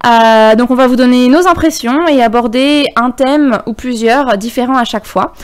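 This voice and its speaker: A woman with a French accent opens and steers a casual book podcast. Her voice sits a little high, and she hesitates often with fillers as she talks. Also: normal speed, smooth. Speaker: podcast co-host.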